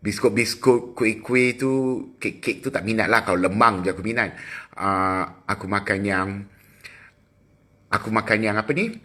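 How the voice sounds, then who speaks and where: A middle-aged man with a Malaysian accent, chatting casually with viewers on a phone livestream, teasing and quick with asides. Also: on the low side, pushed and bright. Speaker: livestream host. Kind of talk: casual live chat with viewers.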